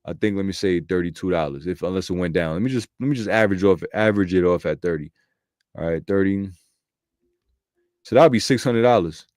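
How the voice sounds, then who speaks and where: Slangy, low-voiced man preaching casually. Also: a little fast, a little mellow, no room sound, studio quality. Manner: slangy, profane, street-talking delivery; thinks aloud, restarts and self-corrects. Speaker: bible commentator. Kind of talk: casual scripture commentary.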